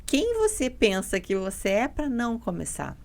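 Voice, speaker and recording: On this casual podcast, a female guest who co-runs a dental mentoring business tells stories with lots of animation, acting out conversations and repeating points bluntly and emphatically. Her voice sits on the high side, swinging hugely in pitch, at a moderate pace with vocal fry.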